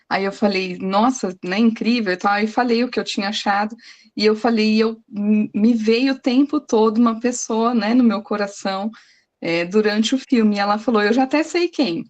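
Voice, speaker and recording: Mother sharing a church testimony on a call, heartfelt and halting. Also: medium pitch, darkish tone. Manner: earnest, emotional, hesitant restarts. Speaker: group member.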